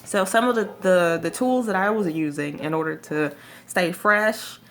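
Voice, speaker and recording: A woman's voice: on the low side, moderate pace. A woman talking casually to viewers in a vlog, giving advice in an informal, emphatic way. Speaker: vlogger sharing jaw surgery recovery tips.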